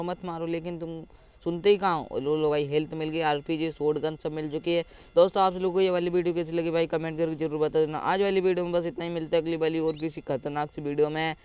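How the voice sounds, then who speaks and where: A young man giving live gameplay commentary as a gaming channel host, excitable, taunting and yelling at enemies. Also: a little high, clean tone. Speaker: gaming YouTuber.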